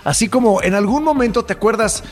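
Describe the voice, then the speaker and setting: A man's voice: high-pitched, expressive, a little fast, soft background music. Blunt, joking Mexican man. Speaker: podcast co-host. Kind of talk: casual debate chat.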